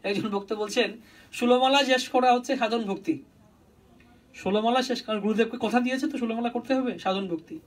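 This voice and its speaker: Devotional preacher: a man with a high voice, set back from the mic, explaining and chanting verses. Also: a little fast, recorded from a distance, low-quality recording. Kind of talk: devotional sermon.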